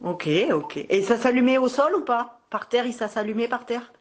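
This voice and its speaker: A woman's voice: on the high side, animated, normal speed. A mother talking casually over the phone with her young child, in a playful, encouraging way. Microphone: telephone call.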